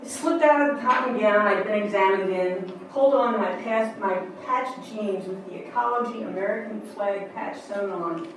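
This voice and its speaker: A woman's voice: mid-range voice, normal speed, hardly any pauses, slight background noise. A woman performing a personal memoir in a wry, upbeat, conversational way, recorded from far off in an echoey room.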